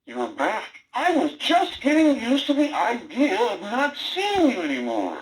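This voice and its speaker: Sarcastic male robot-brain toy: wisecracking, bossy, with big pitch swings. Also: huge pitch swings, measured pace, background noise, full character voice. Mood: teasing. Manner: sarcastic, teasing, bossy quiz-style prompts. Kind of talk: toy voice lines.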